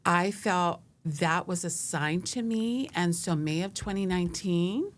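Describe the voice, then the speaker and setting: A middle-aged woman from Hawaii, a business consultant talking in a steady, measured way as an interview guest. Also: lowish voice, slight background noise. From Hawaii, USA. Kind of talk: casual interview chat.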